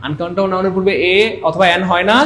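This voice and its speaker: A man's voice: high voice, flat delivery, racing, a bit bright, slight background noise. A man with a Bangladeshi accent teaching an online exam-prep English class, repeating points and coaxing students to comment.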